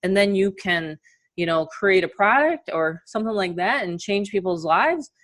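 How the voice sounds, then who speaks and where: A woman with a New York accent coaching an online webinar in a casual, chatty, encouraging and energetic way. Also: mid-range voice, normal speed. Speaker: online marketing coach and host. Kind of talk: casual webinar training and motivational talk.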